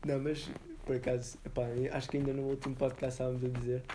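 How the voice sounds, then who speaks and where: Mellow young man chatting casually. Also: mid-range voice, monotone, a little hiss or hum. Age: young adult. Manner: informal and slangy, thinking aloud in halting repetitions. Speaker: podcast co-host. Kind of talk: casual chat.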